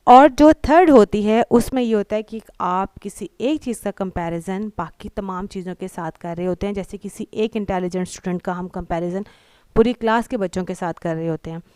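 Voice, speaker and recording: A woman's voice: mid-range voice, normal speed, a little mellow, clean tone, no echo. A woman teaching English grammar in Hindi-Urdu, patiently repeating example words and checking that students follow. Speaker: English tutor.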